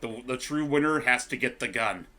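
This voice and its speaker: A man's voice: medium pitch, normal speed, sharp tone. A man commentating casually on a co-op game, with playful announcer-like flourishes. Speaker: gaming video commentator.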